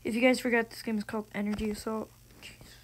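A gaming video host gives excitable, casual commentary on gameplay, full of slang and frustrated exclamations. His medium-pitched voice moves at a quick pace. The recording is noisy and has clicks.

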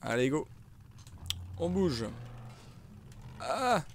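A man's voice: fairly high pitch, very animated, extremely slow, slight background noise. A young man commentating a survival game live, easygoing and talkative. He banters with viewers in the chat and jokes about his play. Keyboard typing clicks under his voice. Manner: chatty, joking, reads and answers viewer chat. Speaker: streamer.

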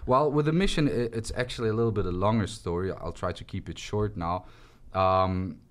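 A young Swiss man with a low voice appears as a guest in a casual interview, telling his story in a relaxed, chatty, brisk way and gesturing freely. They're in a small indoor podcast studio, and a studio mic on a stand picks him up close.

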